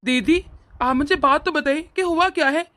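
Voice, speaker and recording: A woman's voice: high voice, pushed and bright. A woman voicing a hot-tempered young husband and doting brother in a cartoon. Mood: angry. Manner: earnest, quick to anger. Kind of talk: cartoon voice acting.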